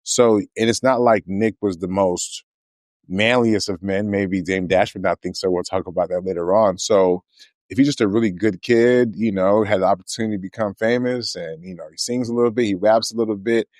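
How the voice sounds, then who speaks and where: A man in his forties with a lowish voice, recorded close and dry. He muses through his points in a reflective, hesitant way during a casual podcast chat. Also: fairly even intonation, a little mellow, no room sound. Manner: musing, hesitant, reflective, with filler pauses and restarts. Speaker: podcast co-host.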